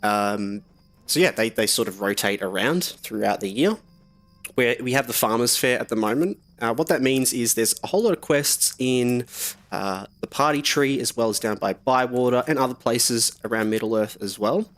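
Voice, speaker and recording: On a live stream, a young man talks casually through a game, relaxed and rambling with plenty of fillers, sounding slightly sick and sniffly. His voice is medium in pitch and his speed is normal.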